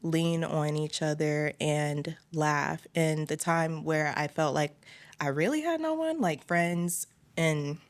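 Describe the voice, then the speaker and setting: A young woman, a college student, offering thoughtful, measured advice in a candid group conversation. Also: sits low. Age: young adult.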